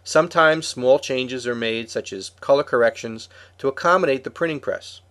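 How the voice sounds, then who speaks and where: A man's voice: mid-range voice, normal speed, fairly bright tone. A man co-hosting a podcast, reading a prepared script in an explanatory way. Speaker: podcast co-host.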